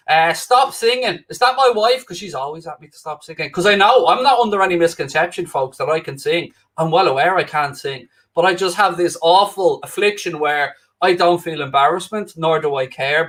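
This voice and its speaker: Speaking close into a new microphone, a man with a Dublin-Wicklow Irish accent covers as host of a live football watchalong. He reads viewer comments and trades cheeky, self-deprecating banter in a casual way, his voice sitting high with a somewhat bright quality.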